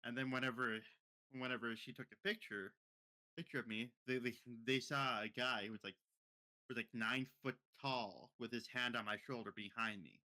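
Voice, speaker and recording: Young male podcast co-host, rambling storyteller, bright and crisp tone. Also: medium pitch, fairly even intonation, normal speed. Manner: rambling, many repeated words and restarts. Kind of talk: casual storytelling.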